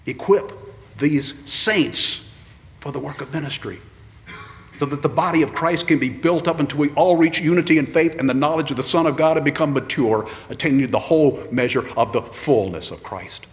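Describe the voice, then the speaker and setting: A man's voice: a little high, normal speed. A man preaching an earnest ordination sermon, repeating his refrains. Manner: earnest, repeats refrains, acts out quoted voices. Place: church. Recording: long reverb of a large church.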